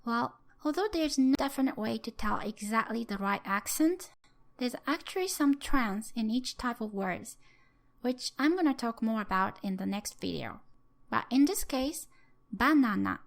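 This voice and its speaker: A woman gives a patient, step-by-step language lesson, pausing to sound out example words. Her voice sits a little high, with a gravelly edge of fry at the ends of phrases. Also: expressive. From Japan. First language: Japanese. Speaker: language teacher.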